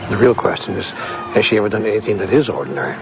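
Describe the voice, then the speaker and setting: A man's voice: fairly low pitch, lively intonation, very fast, noisy background. A man acting as a middle-aged or older grandfather, sceptical and baffled, with a wry questioning way, in a naturalistic film drama.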